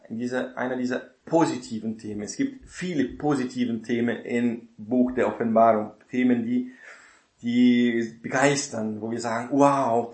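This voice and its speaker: Man, bible teacher, casual lecture, chatty, mid pitch, echoey room. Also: darkish tone. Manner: chatty, often adds tag question "ne?".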